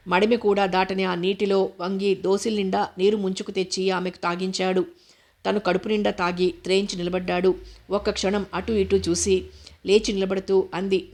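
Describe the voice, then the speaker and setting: A woman narrating a novel aloud in a steady, unhurried reading. Her voice sits at a middle pitch and barely rises or falls, keeping a flat, even line. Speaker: audiobook narrator.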